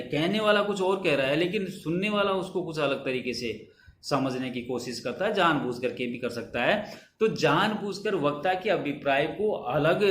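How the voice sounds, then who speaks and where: Slow, deliberate male teacher in an echoey room. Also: fairly high pitch, a bit bright, a little hiss or hum. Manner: slow, deliberate, recites example verses and repeats terms. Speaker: Hindi grammar teacher. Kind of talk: explanatory lecture.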